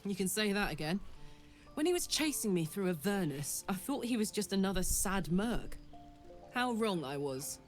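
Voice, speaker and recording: An actress voicing a tough but soft-hearted female warrior from a video game. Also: medium pitch, sing-song, normal speed, soft background music, natural voice. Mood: moved.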